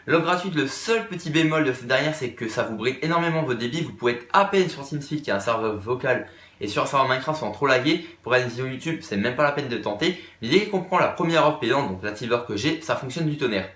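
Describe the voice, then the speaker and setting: A man's voice: medium pitch, fairly bright tone, reverberant. A man presenting a casual tech explainer to viewers in an upbeat, chatty way. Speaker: tech YouTuber.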